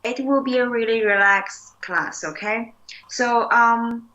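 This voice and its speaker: Young woman teaching, slow and bright. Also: fairly high pitch, steady tone, dull audio. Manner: patient, explains with many "like" and "um" fillers, models words slowly. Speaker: Chinese teacher. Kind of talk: relaxed one-on-one language lesson.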